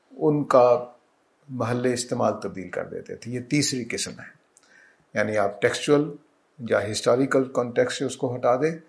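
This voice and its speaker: A man giving a calm, explanatory Quran commentary lecture, slowing down to recite Arabic verses. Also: mid-range voice, gravelly. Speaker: religious teacher.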